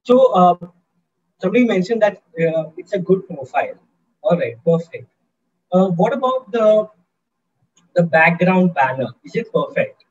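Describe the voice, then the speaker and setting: A man's voice: high voice, very animated, moderate pace, pauses often, dull audio. A man giving an interactive online lecture to students, upbeat and coaxing, often asking the audience questions. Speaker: guest speaker in a student workshop.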